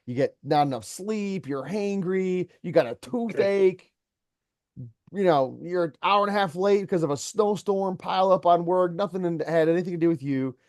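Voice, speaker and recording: A man's voice: high-pitched, normal speed, darkish tone, no room sound, studio quality. A man who owns a company, giving an employee earnest one-on-one coaching and telling stories to make his point. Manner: earnest, storytelling, mentoring.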